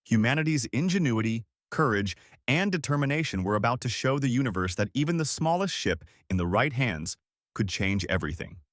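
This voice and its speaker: A man narrating a science-fiction story in a lively, dramatic way. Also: medium pitch, fairly quick, no room sound, studio quality. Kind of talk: scripted sci-fi story narration.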